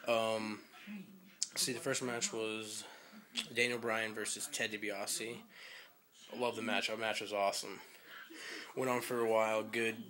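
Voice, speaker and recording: Young male vlogger, bright tense voice, low-pitched, rambling chatty recap, slightly out of breath. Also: level tone, a little slow, pauses often. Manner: rambling, chatty, many fillers and restarts. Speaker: wrestling fan vlogger. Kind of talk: casual results recap.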